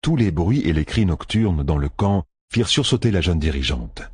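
A man narrating an audiobook with steady storytelling. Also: low-pitched, normal speed, breathy edge, dry recording, clean studio sound.

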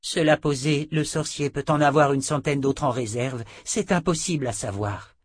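A clear-headed woman weighs the odds in a calm, reasoned way, as a man reading the book puts her on. The voice is pitched above his narration, and the sound is dry and close. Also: moderate pace, no room sound, natural voice. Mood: measured. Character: sharp, level-headed female scout.

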